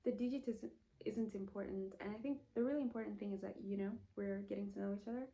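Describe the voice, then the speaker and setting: A Zambian woman in her late twenties chats in a casual get-to-know-me vlog from an indoor room, rambling and correcting herself with many fillers as she mentions feeling hot in there. Her mid-range, warm voice is fast with fairly even intonation, and the recording quality is low.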